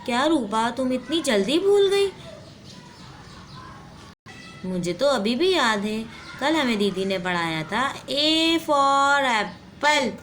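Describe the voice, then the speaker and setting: Bossy tattletale schoolgirl for a doll story, voiced by a woman, sharp and bright. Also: sits high, big pitch swings, slow, few pauses, slight background noise, exaggerated voice. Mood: chiding. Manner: scolding, threatening to tell on others. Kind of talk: doll play story acting.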